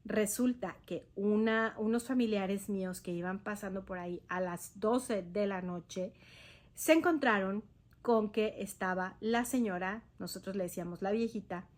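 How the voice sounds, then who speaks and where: A woman with a Mexican accent telling her own ghost stories to listeners, chatty and hesitant, slowing down for suspense. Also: medium pitch. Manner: conversational, hesitant fillers, slows for suspense. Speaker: podcast host. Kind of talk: personal ghost-story telling.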